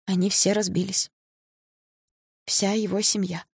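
A woman reading a hoarse tearful young woman. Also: mid-range voice, flat delivery, a little slow, darkish tone, no echo, clean studio sound, voice pushed up. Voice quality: hoarse from tears.

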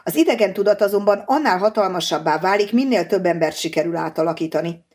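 Storybook part: woman reader as a coaxing alien-hybrid young man, husky, calm. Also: on the low side. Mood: soothing. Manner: calm, patient, persuasive.

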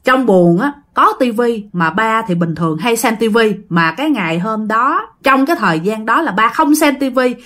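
Woman, Southern Vietnamese accent, ghost story narration, animated intonation, talks to listeners. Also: fairly high pitch, normal speed, few pauses. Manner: addresses listeners, retells in lively quoted speech.

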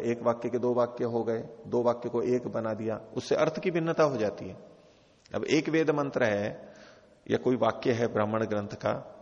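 In a medium, slightly mellow voice, this man lectures on scripture, rephrasing patiently and working through examples as a teacher of philosophy. The recording, made in a religious retreat's teaching hall, sounds dull and echoey.

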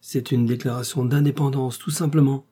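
Male reader as a bitter proud young woman, dark husky voice. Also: medium pitch, fairly even intonation, moderate pace, voice pushed up, lightly acted. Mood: defiant. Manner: clipped, defiant.

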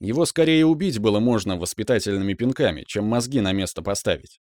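A man's voice: lowish voice, animated, quick pace, darkish tone, dry recording, studio quality, natural voice. A man voicing a cheeky, conspiratorial teenage girl in an audiobook, teasing her brother.

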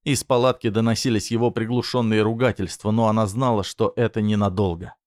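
A man narrating a story in a steady, even reading voice. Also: on the low side, brisk, no echo, clean studio sound.

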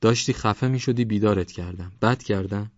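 A man voicing a calm, patient young man who reassures a frightened stranger. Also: fairly low pitch, dry recording, pitched above the performer's own voice, lightly acted. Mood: reassuring. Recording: dry, slightly dull recording.

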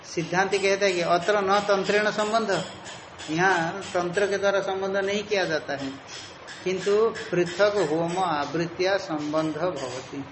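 A man's voice: sits high, fairly even intonation, measured pace, echoey room, noisy background. A man teaching a Sanskrit philosophy lecture, explaining step by step and repeating the key terms.

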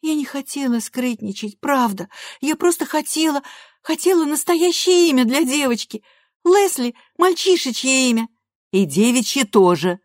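A woman's voice: high voice, lively intonation, moderate pace, dry recording, studio quality, pitched above the performer's own voice. A woman voicing an eager, defiant teenage girl who pleads and insists, in an audiobook. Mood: insistent. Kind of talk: audiobook character voice.

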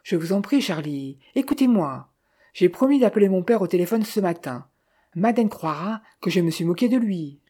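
An idle, impatient young heir from a French audiobook, read by the narrator. He talks briskly, in a mellow, slightly husky voice. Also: mid-range voice, expressive.

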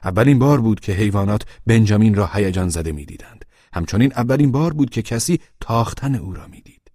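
A man narrating a storybook in a measured, grave, dramatic way. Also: lowish voice, expressive, warm tone, dry recording, studio quality. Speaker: audiobook narrator.

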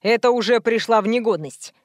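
A woman's voice: on the high side, fairly quick, no room sound, studio quality, natural voice. A woman voicing a rude, bossy male director who barks orders, in an audiobook reading. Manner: brusque, rude, commanding.

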